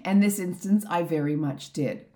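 A middle-aged woman from Canada, a coach hosting her own podcast, talking through a heartfelt solo episode in a slightly croaky voice. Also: on the low side, normal speed, dark tone. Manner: earnest, heartfelt, openly emotional. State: slightly croaky from a throat infection. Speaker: business and life coach, podcast host. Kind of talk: reflective solo podcast monologue.

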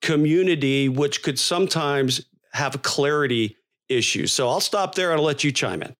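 A man's voice: a little high, animated, normal speed, a bit bright. A man co-hosting a podcast in casual conversation, wordy and thinking aloud as he goes. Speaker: podcast co-host.

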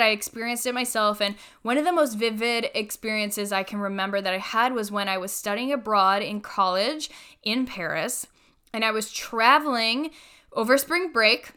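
Bright, clear-voiced young woman podcaster. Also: fairly high pitch. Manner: candid, chatty, frequent "like" fillers. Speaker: podcast host and coach. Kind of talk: solo podcast talk.

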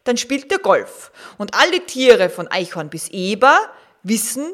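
A woman voicing a sly, clever male fox who slowly recites a mocking rhyme. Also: mid-range voice, very animated, fairly bright tone. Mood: teasing. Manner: slow, teasing rhyming recital.

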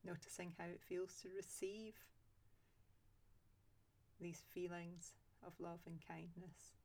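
Female meditation guide: low and steady, soft and unhurried, long calm pauses. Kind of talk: guided loving-kindness meditation.

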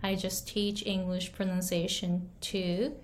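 Slow-talking woman. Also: fairly low pitch, little pitch movement, a little hiss or hum. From Japan. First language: Japanese. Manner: earnest, repeats and restates phrases, light laughs. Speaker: English pronunciation coach. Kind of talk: casual talk to camera.

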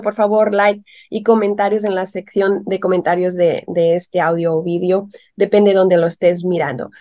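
A woman's voice: medium pitch, darkish tone, no echo. A woman hosts a podcast in a voice stuffed up by a head cold. The recording is close and dry, and she speaks in an upbeat presenting style. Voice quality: congested stuffy nose from a cold. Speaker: podcast host. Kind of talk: upbeat podcast introduction and interviewing.

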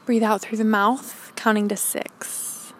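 A woman podcast host leading a calm grounding meditation, giving gentle, encouraging instructions. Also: mid-range voice, slow pace, a little hiss or hum.

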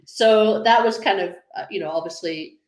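A woman's voice: mid-range voice, normal speed, reverberant. A Scottish woman in her thirties, a graphic designer chatting casually as an interview guest, with plenty of ums and easy laughter. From Scotland.

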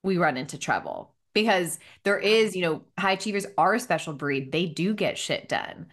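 A woman with a somewhat low voice hosts a podcast conversation. She talks emphatically and keeps affirming her guest. Her tone is casual and conversational. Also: very animated, moderate pace, a bit bright. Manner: emphatic, affirming, repeats "so good". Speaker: podcast host.

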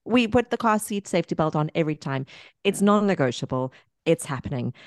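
Woman, podcast co-host, candid, self-deprecating, lowish voice, dry close sound. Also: animated, brisk, dry recording. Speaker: mother of a three-year-old. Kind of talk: casual podcast conversation.

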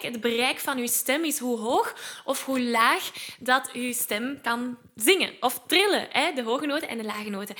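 A woman's voice: high voice, pushed and bright. A woman hosting a podcast singing lesson, coaching in an upbeat, encouraging way. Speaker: singing teacher and podcast host.

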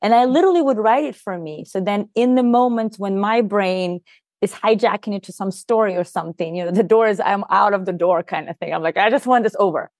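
A woman's voice: medium pitch, brisk, darkish tone, no echo, clean studio sound. A woman whose first language is Russian, a podcast guest and leadership coach, explaining things earnestly in casual conversation with frequent "you know" and "like".

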